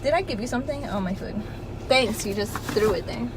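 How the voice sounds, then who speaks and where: A woman's voice: on the high side, brisk. A young woman vlogging while walking outdoors in a city, giggly and dramatic, exclaiming often. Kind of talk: casual vlog chat. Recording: noisy outdoor street recording. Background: street and traffic noise.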